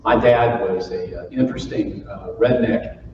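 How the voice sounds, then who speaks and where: A man from Florida delivers a humorous keynote in a large conference hall, telling stories to a live audience in a folksy, joking way and playing with the crowd. His voice is lowish and steady at a moderate pace. The recording sounds distant and roomy, muffled, with faint noise.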